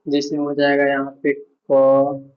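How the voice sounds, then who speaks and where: A man's voice: mid-range voice, monotone, slow, dull audio. A male teacher giving an online grammar lesson, patiently repeating points and asking himself questions.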